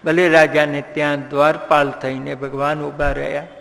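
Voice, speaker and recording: Male religious storyteller, high gravelly voice, half-sung telling, echoey hall. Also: flat delivery, moderate pace, fairly bright tone. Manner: dramatic, half-sung narration. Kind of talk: devotional story sermon.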